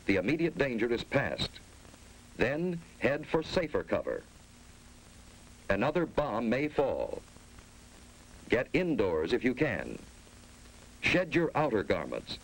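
An American man giving grave, authoritative narration for a 1950s civil defense instructional film. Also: medium pitch. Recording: noisy old 1950s film soundtrack.

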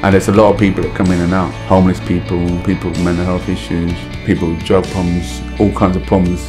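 A middle-aged Londoner, a musician and project member, speaks candidly in street-casual style during a documentary interview in an indoor art room. His voice is low, level and fast, with a music bed running underneath.

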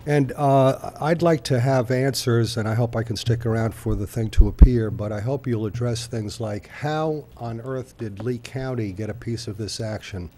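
An older man giving public comment at a city council podium microphone, talking conversationally with many halting pauses. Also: medium pitch, mellow, a little hiss or hum.

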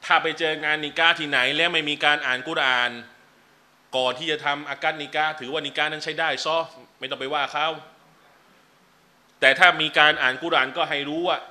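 Bright-voiced man giving a chatty lecture. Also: fairly high pitch, fairly even intonation, brisk. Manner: chatty, joking asides, switches to formal teaching points. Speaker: Islamic teacher. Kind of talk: casual religious lecture. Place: lecture venue.

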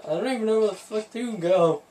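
A man's voice: sits high, brisk, warm tone. A young man in casual, sweary gaming banter, complaining in exasperation from a couch indoors. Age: teens or young adult. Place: small room indoors on a couch. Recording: noisy, distant room recording.

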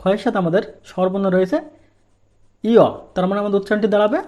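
A man's voice: high-pitched, steady tone, quick pace, darkish tone. A man teaching a language lesson, explaining each rule step by step and asking rhetorical questions before answering them. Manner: patient, asks rhetorical questions, repeats rules.

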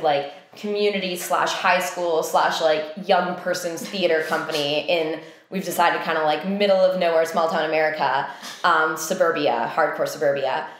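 A young woman, a theatre company co-founder and director, talking casually and thinking aloud with lots of fillers. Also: on the low side. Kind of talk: casual conversation. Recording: very echoey room.

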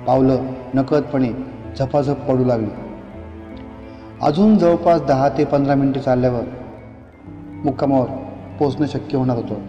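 A man tells a horror story in a mellow, dark voice, slowly and with dramatic pauses between short phrases. The recording is dull and lo-fi, and it rings with a long echo. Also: mid-range voice, steady tone, soft background music. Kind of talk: scripted horror narration. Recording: echoey dull lo-fi room.

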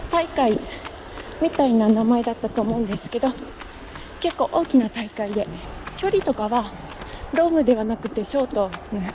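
A woman's voice: a little high, background noise. A young woman casually narrating her run on a country road into a body-worn camera, chatty and giggling often. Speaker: vlogger. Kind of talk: casual running vlog narration. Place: outdoors on a country road while running. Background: music.

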